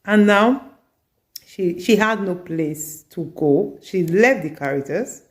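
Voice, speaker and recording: A woman's voice: medium pitch, expressive, slow. A middle-aged woman, telling a story in an earnest advice vlog and repeating her points for emphasis. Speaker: community advice vlogger.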